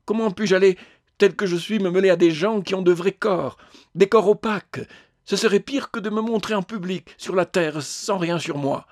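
A tearful, ashamed woman ghost, as a male reader puts her on, her voice pushed up high and strained. She pleads and protests in an agitated way. The storybook reading is close and dry. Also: normal speed, a little mellow, no echo, natural voice. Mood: anguished. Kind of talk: audiobook character voice.

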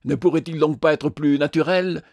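A man's voice: a little high, steady tone, normal speed, gravelly, a little mellow, no echo, clean studio sound. A man doing a sour grumbling passenger. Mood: resentful. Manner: grumbling, sarcastic. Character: resentful grumbling bus passenger.

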